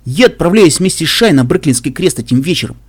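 A man's voice: fairly high pitch, animated, quick pace, breathy edge, no room sound, voice pushed up. A man doing a bold, hearty pony guard. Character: male cyber pegasus, brave cheerful caravan guard.

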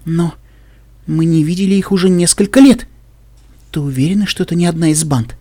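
An anxious grown-up mare with a worried, questioning way of talking, put on by a male reader. The husky voice is lifted higher than his narration. It comes from an audiobook of a pony adventure. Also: brisk, mellow, dry recording, natural voice. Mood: alarmed. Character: adult mare, alarmed and anxious.

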